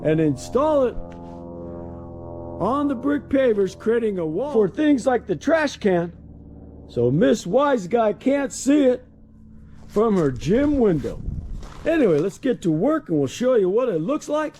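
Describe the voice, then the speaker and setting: A man walks viewers through a backyard build in casual on-site talk, sprinkling "pretty much" and "okay?" through his steps. His voice sits very high with a lively, wide-ranging pitch. The tone is mellow and dark. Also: measured pace, faint music behind. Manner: loose and chatty, says "pretty much" and "okay?" often. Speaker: contractor host. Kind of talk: casual on-site how-to instruction. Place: outdoor backyard work site.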